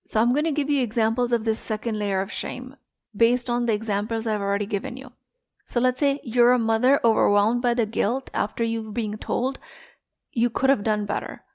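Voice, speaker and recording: Woman, life coach, calm measured podcast teaching, pitched a bit high. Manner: calm, deliberate, instructive.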